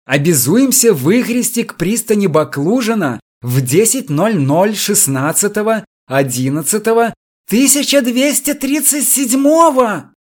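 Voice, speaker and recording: A man doing a shrill, agitated supply manager. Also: animated, measured pace. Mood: outraged. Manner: agitated, shrieking. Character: excitable male supply manager, nervous and shrill.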